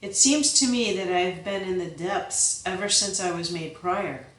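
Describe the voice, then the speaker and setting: A woman's voice: fairly low pitch, moderate pace, a bit bright, distant mic, close to an everyday voice. A woman narrator voicing an earnest, frustrated young male monk who speaks intensely and broodingly. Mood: weary. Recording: roomy, voice set back from the mic.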